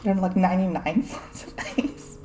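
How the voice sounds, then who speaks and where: Mellow and expressive, with a medium pitch and moderate pace, a young streamer casually breaks down science topics while laughing often and saying "like" and "um" constantly. Her room echoes, and quiet music plays behind her.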